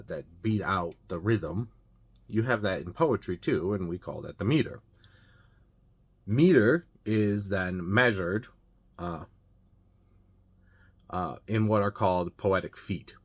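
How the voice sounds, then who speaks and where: A man with a low, deep voice talks viewers through poetry vocabulary. His delivery is loose and unscripted, full of small restarts and fillers as he works out his explanations. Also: slow, pauses often. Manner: loose and unscripted, frequent uh and you know, restarts. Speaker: host of a reading channel. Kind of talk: casual explainer talk.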